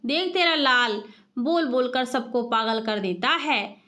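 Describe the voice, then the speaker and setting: A woman voicing a sharp-tongued village aunt who scolds and mocks. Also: on the high side, slow pace. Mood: scolding. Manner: scolding, sarcastic.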